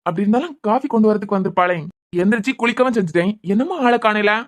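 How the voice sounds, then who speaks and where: A woman with a Kanyakumari Tamil accent voicing a gruff, nagging husband in a cartoon serial, scolding and impatient. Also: mid-range voice, racing, close to an everyday voice. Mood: puzzled, worried.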